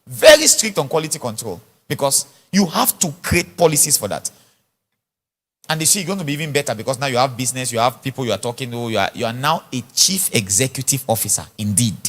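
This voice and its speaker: Animated preaching man in a big hall. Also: mid-range voice. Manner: animated, storytelling, laughs often. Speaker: apostle preaching at a conference. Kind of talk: sermon with question answers. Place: church conference hall. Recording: large echoey hall.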